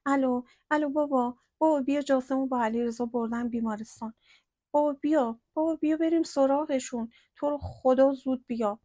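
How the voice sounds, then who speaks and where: A woman's voice: on the high side, little pitch movement, a little mellow, no echo, clean studio sound. A woman voicing a frightened young woman who pleads in a shaky, urgent voice in a spoken storybook. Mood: panicked.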